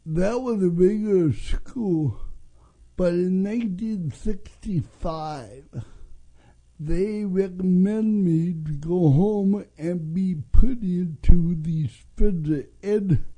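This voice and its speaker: A man of fifty-five with a North Dakota accent, telling his own story as an interview guest in halting, broken phrases. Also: high-pitched, dark tone, poor audio. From North Dakota, USA. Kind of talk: radio interview, personal story. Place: radio studio. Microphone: studio microphone.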